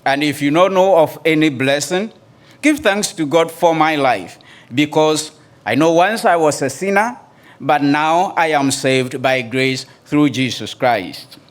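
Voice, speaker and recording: A man preaching a sermon in slow, measured phrases, pausing for his interpreter. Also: on the high side. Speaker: guest pastor.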